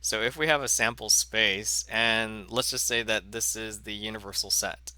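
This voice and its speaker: A man teaching a math lesson in a slow, halting way, full of fillers and self-corrections. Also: on the low side, steady tone, pushed and bright, no echo. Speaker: math instructor. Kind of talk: recorded lecture.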